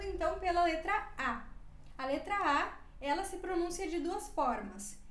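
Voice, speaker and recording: A woman's voice: high voice, echoey room. A woman teaching a language lesson, carefully pronouncing each example word and repeating it. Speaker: Portuguese teacher.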